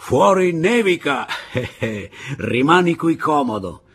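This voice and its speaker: A man voicing a drunken, bitter male guerrilla who taunts loudly, in an audiobook reading. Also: medium pitch, very animated, measured pace, husky, pitched above the performer's own voice, exaggerated voice. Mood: sneering. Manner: mocking, taunting, raised and loud.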